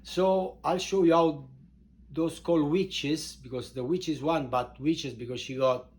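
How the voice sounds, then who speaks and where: A man from Italy with an Italian accent, informally introducing his book in halting non-native English, repeating words for emphasis. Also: on the high side. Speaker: author and show host introducing his book.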